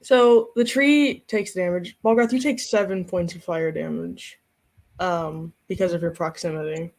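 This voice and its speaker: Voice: medium pitch, steady tone, a little slow, a little mellow, poor audio. A game master narrating a tabletop game, describing scenes and checking rules aloud.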